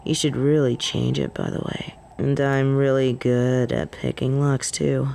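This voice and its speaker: A woman playing a cocky, smitten female werewolf in an audio roleplay, teasing and flirting in a deadpan way. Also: extremely low pitch, measured pace, creaky, exaggerated voice. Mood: smitten, sly. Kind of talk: scripted audio roleplay acting.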